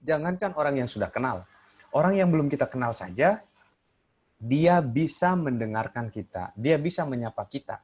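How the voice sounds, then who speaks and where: A man's voice: moderate pace, husky. A man coaching on communication over a webinar, explaining points and animatedly acting out how tone and gesture change meaning. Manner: animated, swings pitch to illustrate intonation. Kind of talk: webinar teaching with spoken demonstrations. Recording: muffled lo-fi online call audio.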